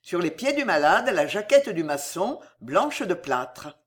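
A woman narrating a classic novel aloud as an audiobook reader, in a slow, expressive manner. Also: on the low side. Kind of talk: scripted narration of a children's classic.

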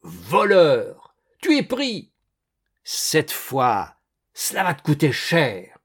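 A man voicing a suspicious old male landowner hunter who shouts and blusters, making angry accusations. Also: medium pitch, sing-song, measured pace. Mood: furious.

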